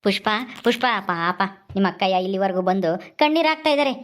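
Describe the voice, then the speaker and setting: A woman's voice: medium pitch, animated, close to an everyday voice. A woman voicing an easygoing young husband who coaxes his wife to forgive in a family drama skit. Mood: coaxing. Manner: persuasive, quick.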